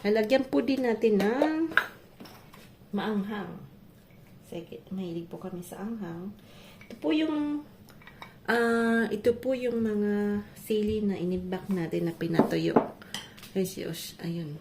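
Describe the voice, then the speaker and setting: A woman's voice: medium pitch, lively intonation, takes it slowly, slight background noise. A woman from the Philippines chatting casually while she cooks for her vlog, often laughing as she tells stories. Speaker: vlogger. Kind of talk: casual cooking vlog chat. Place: home kitchen. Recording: echoey kitchen with loud clatter.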